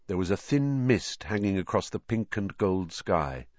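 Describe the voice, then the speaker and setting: A man reading an audiobook in scripted narration, expressive and voicing the characters. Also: sits low, unhurried, no room sound, highs cut off.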